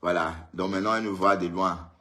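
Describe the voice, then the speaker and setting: A man's voice: low voice, fairly even intonation, brisk, bright, forceful tone. A man hosting a casual live stream, greeting viewers by name and teasing them in a chatty way. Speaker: livestream host. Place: indoors, at home in Europe.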